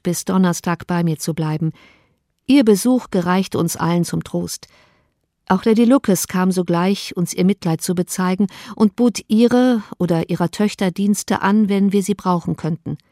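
A woman voicing a kind, gentle young woman who speaks in a soft, measured, conciliatory way in an audiobook reading. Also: mid-range voice, dry recording, studio quality, natural voice.

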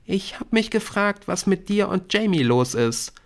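A man's voice: sits high, expressive, a little slow, pitched above the performer's own voice. A man voicing a prying, affected teenage schoolgirl in an audiobook. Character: prissy gossiping teenage schoolgirl.

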